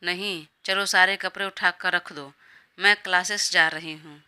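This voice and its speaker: A woman's voice: on the low side, fairly even intonation, unhurried, sharp tone, smooth. A woman voicing a defiant young bride who complains and schemes against her husband.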